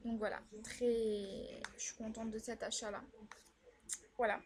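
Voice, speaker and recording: A woman's voice: a little high, little pitch movement, unhurried. A young woman chatting casually as a vlogger reviewing her makeup purchases, filling her talk with hesitations. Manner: chatty, many fillers and "voilà". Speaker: beauty vlogger.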